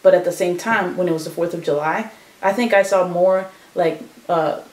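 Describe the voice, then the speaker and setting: A woman's voice: lowish voice, moderate pace, reverberant, low-quality recording. A young woman from Chicago telling her story in a casual oral history interview, full of fillers and quoted dialogue. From Chicago, United States.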